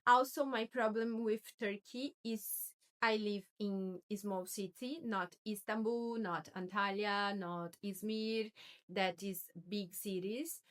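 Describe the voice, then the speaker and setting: A young Brazilian woman talks casually to her viewers in English, her second language, with a clear Brazilian Portuguese accent. Her pitch is moderate. She speaks slowly, often searching for the right word and correcting herself as she goes. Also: steady tone. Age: 20s. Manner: slow, searching for words, self-correcting. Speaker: vlogger. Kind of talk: casual vlog talk.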